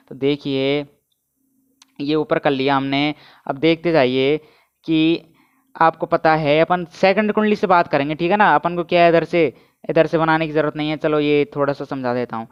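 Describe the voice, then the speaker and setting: Male physics tutor, clear but monotone, muffled lo-fi recording, energetic quizzing style. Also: fairly high pitch. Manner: keeps asking students to answer and comment; energetic, repetitive teaching. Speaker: physics teacher. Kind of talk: energetic online lecture. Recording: dull, muffled lo-fi audio.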